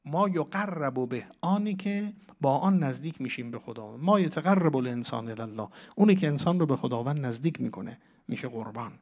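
A man's voice: medium pitch, a little mellow. A man giving a religious lecture on scripture as a Quran teacher. He explains step by step, repeats key words for emphasis and asks his listeners questions.

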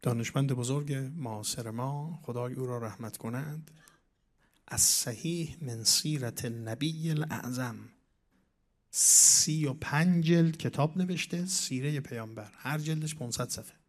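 A man giving a sermon, reciting scripture in a measured way and swinging between loud declaiming and hushed asides. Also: mid-range voice. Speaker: preacher.

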